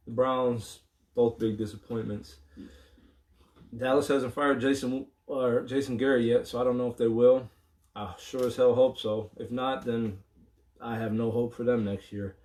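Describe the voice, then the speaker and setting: This is a man chatting about football on a casual sports show. He talks frankly and a little haltingly, often pausing on an um, with a mid-range voice and a blunt curse now and then. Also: mid-range voice, fairly even intonation, a little mellow. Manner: frank, hesitant with many ums, mildly profane. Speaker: sports talk host.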